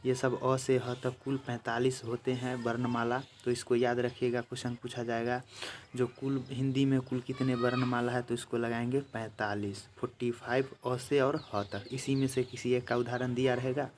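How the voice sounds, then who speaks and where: A man at a middle pitch leads a grammar lesson for exam takers. He goes over each definition slowly and more than once, speaking straight to viewers as friends. A faint noise sits under the recording. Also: level tone, darkish tone. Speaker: teacher.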